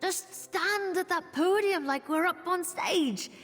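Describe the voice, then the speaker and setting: A woman's voice: very high voice, fairly bright tone, full character voice. An actress playing a tipsy, flirtatious, boastful female elf circus performer in a video game, with a teasing, playful manner. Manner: teasing, slow, languid, playful. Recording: slight hall reverb with game music.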